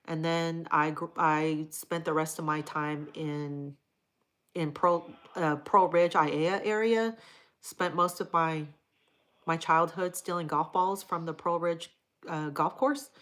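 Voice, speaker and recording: Speaking slowly and steadily in a low, fairly bright voice, a Hawaiian woman runs a live stream. She reads out comments from the chat and fires back casual, crude, no-nonsense replies.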